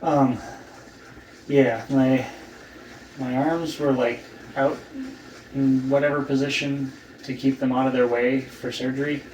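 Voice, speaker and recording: A man talking casually in a recovery vlog, weak and sore after surgery, halting and trailing off with long pauses. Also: medium pitch, level tone, a little mellow. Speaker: vlogger documenting own surgery recovery. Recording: roomy, distant mic, faint background noise.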